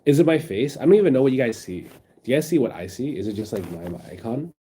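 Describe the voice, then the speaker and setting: A man's voice: mid-range voice, very animated, quick pace, warm tone, a little hiss or hum. A sick, sniffling man streaming from his phone, rambling in casual chat with his viewers and reading their messages aloud. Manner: rambling, reads chat aloud, many fillers.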